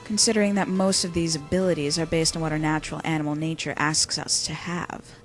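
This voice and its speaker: In a very echoey space with music behind, a sassy bat spy, played by a woman talks in a fairly low voice. She is sardonic and cynical, a tough cartoon animal woman in an audio drama. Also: fairly even intonation, brisk, natural voice. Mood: curious. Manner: sarcastic, sardonic. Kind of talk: scripted fan audio drama.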